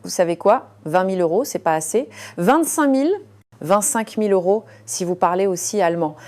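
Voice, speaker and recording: A woman voicing an arrogant rich man who bullies and shouts at a waitress, in an audio story. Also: mid-range voice, normal speed, natural voice. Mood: indignant. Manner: shouting, mocking, imperious.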